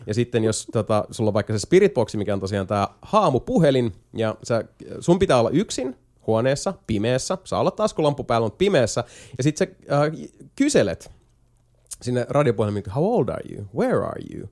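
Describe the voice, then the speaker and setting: With a middle-pitched voice, a male podcast host chats casually, rambling through an explanation of a game. He keeps pausing on hesitation fillers and slips in jokey asides, telling it in a lively, playful way.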